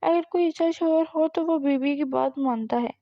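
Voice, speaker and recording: An innocent, mischievous young wife who pleads and sulks like a child, voiced by a woman reading a story. The voice is high with a gravelly edge. It comes through a slightly dull, lo-fi recording. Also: no room sound. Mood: petulant. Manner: pleading, petulant and teasing.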